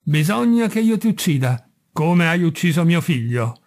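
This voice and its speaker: A man reading aloud as an enormous vengeful genie from a storybook, delivering stern, unbending verdicts. The voice sits somewhat high yet sounds mellow and warm. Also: sing-song, normal speed. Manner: stern, unyielding pronouncements. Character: huge vengeful male genie with a sword.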